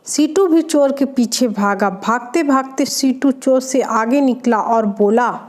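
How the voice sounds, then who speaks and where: A woman reading out a string of short jokes, narrating evenly and dropping her voice lower for the male characters. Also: takes it slowly, a little mellow. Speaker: joke reader. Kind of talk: reading Hindi jokes aloud.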